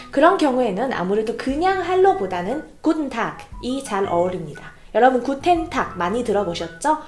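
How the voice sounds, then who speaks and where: Woman from Korea, casual online language teacher, lively animated delivery, models phrases slowly, slightly higher voice, echoey room. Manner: lively, repeats German phrases slowly for practice.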